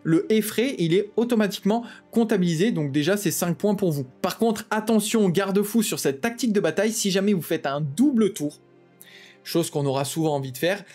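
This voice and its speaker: Guy quickly explaining game rules, lots of "euh"s and restarts, soft music in the background. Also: high voice, expressive. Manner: talks fast, with many "euh" fillers and restarts. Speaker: tabletop game channel host.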